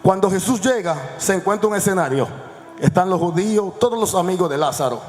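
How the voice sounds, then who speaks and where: A male pastor preaching a sermon, swinging between hushed lines and shouts and calling the congregation to repeat after him. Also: high voice, expressive, fairly quick. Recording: echoey hall with faint music.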